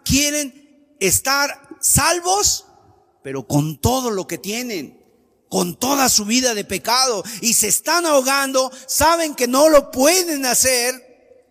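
A man's voice: very high voice, expressive, takes it slowly, a bit bright. A man preaching a sermon with an emphatic, sing-song cadence. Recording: long hall reverb.

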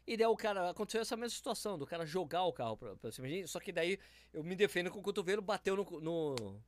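A man with a São Paulo accent tells stories in a relaxed chat. His voice sits high for a man and rises and falls a lot. It is recorded close and dry, with no room sound around it. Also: quick pace, dry recording. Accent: São Paulo Portuguese. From São Paulo, Brazil. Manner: animated, acts out the people in his stories. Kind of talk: casual storytelling chat.

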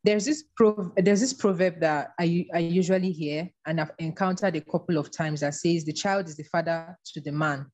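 A woman with a somewhat low voice speaks earnestly and in a measured way, working through her thoughts in an interview. Her delivery is steady and reflective. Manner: earnest, measured, faith-based. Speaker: guest.

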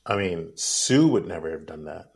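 A man's voice: low-pitched, animated, moderate pace. A man hosting a casual film discussion, rambling and drifting into tangents.

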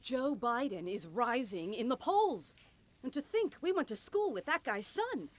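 Woman doing a rich brat lobbyist, bouncy pitch, kinda high, swears a lot. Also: measured pace. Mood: brash. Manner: brash, swearing, excitable.

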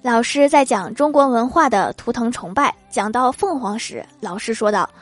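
A woman's voice: a little high, moderate pace. A woman hosting a comedy podcast, reading funny anecdotes and laughing at her own punchlines. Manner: lively, laughing asides after punchlines. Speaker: podcast host reading jokes. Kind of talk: comic storytelling with acted quotes. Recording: faint background music.

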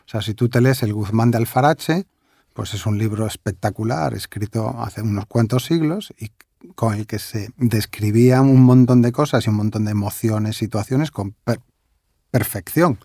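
A man's voice: lowish voice, normal speed, dark tone, no room sound. Galician man explaining language, dry sound. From Galicia, Spain. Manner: explanatory, playful with pronunciations. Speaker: language expert guest. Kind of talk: conversational interview.

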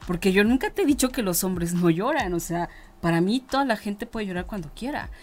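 A woman's voice: medium pitch, fairly quick. A woman, direct and to the point. Her casual storytelling acts out both sides of remembered conversations. A faint noise sits under her voice. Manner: direct, animated storytelling with quoted dialogue.

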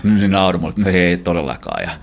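A middle-aged man from Finland tells adventure stories as an interview guest. His voice sits low but moves up and down a lot. He laughs often and restarts his sentences as he goes. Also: expressive, gravelly, slight background noise. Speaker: guest, explorer. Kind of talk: casual storytelling.

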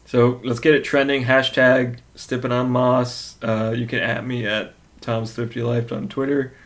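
A man's voice: mid-range voice, level tone, unhurried, creaky. A man co-hosting a podcast, chatting casually, rambling and joking with frequent laughs. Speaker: podcast co-host. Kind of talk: casual chat.

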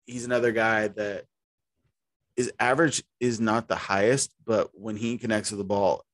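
Easygoing low-voiced man talking sports. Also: fairly even intonation, normal speed. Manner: rambling, easygoing, restarts mid-sentence. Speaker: podcast co-host. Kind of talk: casual sports chat.

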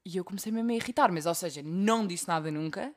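A young woman with a European Portuguese accent, co-hosting a casual podcast and telling stories in an animated way, acting out the voices she quotes. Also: lowish voice, fast talker. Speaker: podcast co-host. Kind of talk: casual chat.

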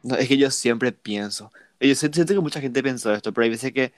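A man's voice: medium pitch, brisk, no echo. A young man co-hosting a casual podcast chat, rambling with lots of fillers and restarts. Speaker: podcast co-host.

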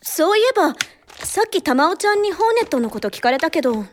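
A woman's voice: sing-song, quick pace, faint music behind. A woman playing a prim ladylike club president. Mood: composed. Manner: ladylike speech, flusters into shrill panic. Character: prim young female club president, refined then flustered. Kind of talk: radio drama acting.

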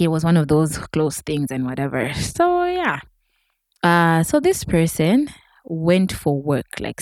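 Chatty woman with a low voice. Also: dry recording, studio quality. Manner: chatty, addresses viewers directly, animated. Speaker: vlogger. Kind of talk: casual storytime chat.

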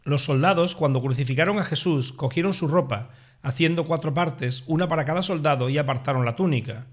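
A man reading the Passion Gospel aloud as a lector, steady and measured. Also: a little high.

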